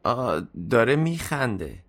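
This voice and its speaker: A man's voice: deep voice, gravelly. A man voicing an insistent old woman customer in a narrated story. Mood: cooing. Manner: insistent, marveling.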